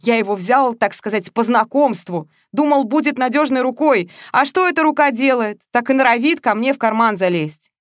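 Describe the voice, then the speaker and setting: A woman's voice: on the high side, lively intonation, moderate pace, dry recording, studio quality, pitched above the performer's own voice, close to an everyday voice. Woman doing a blunt, mocking businessman. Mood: indignant. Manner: mocking, brusque, colloquial. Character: blunt, talkative middle-aged businessman Matveev. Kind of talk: audiobook character voice.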